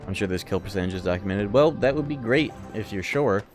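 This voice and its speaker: A man with a lowish, animated voice talks a little fast while livestreaming a video game, chatting with viewers in a rambling, sweary, informal way. Loud game music plays behind his voice.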